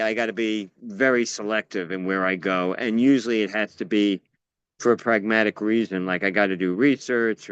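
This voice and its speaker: In casual conversation, a US-born actor and playwright tells meandering stories, often breaking off and restarting what he's saying. His lowish voice sounds clear and resonant, captured in a dry recording with dull audio.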